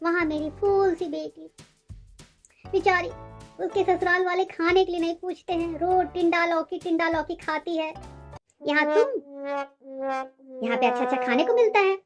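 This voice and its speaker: Bossy scolding mother-in-law, lowish voice, comedy skit, music playing behind. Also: normal speed, long pauses. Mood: complaining. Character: nagging middle-aged mother-in-law spoiling her daughter. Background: background music.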